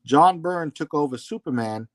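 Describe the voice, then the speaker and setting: A man talks with steady, opinionated emphasis, pushing his points in a casual conversation. His voice sits a little high for a man. The sound is dry and close, with no room around it. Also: normal speed, no echo. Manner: opinionated, emphatic comic-book fan. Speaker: podcast co-host. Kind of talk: casual chat.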